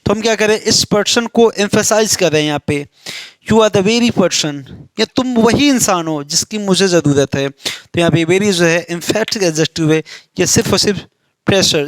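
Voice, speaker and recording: A man with an Indian accent teaches an exam-prep English grammar lesson, asking questions and answering them himself while reading example sentences slowly. His voice is high, with no echo.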